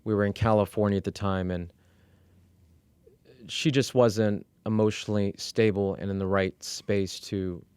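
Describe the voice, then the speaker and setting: A middle-aged man from Iran, working as an executive coach, telling his life story as a guest in a candid, measured way, with fillers and restarts. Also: fairly low pitch, fairly even intonation, a little mellow, clean tone, no room sound. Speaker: interview guest.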